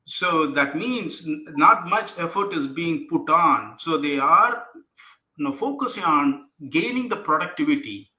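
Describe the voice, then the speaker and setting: A man with a bright, slightly high voice makes his case as a panelist in an online discussion. He talks earnestly and keeps checking in with "right?" and "you know". His call audio carries a roomy echo. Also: expressive, measured pace. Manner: earnest, repeats "right?" and "you know" while making a point. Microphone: video call.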